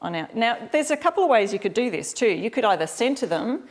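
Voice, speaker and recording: A woman with an Australian accent hosts a live craft demonstration, chatting informally and directly with viewers during a casual livestream tutorial. Her voice is fairly high and fairly quick, with big swings in pitch.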